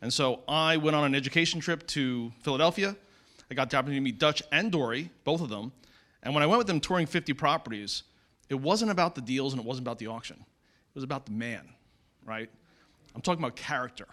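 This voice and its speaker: A man's voice: fairly high pitch, fairly bright tone. A man introducing himself to an investor group in an outgoing, emphatic way. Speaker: investor club member.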